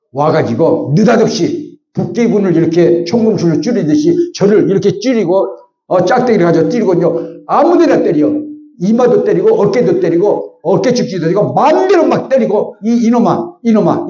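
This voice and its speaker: A middle-aged pastor, telling a childhood story in a sermon and acting out the voices in it. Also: male voice, sits high, sing-song, moderate pace, mellow. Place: church sanctuary. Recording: echoey, slightly dull church sound.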